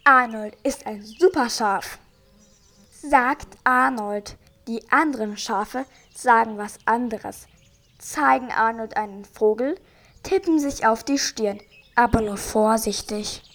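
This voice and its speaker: Slow, calm woman reading a children's story. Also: a little high.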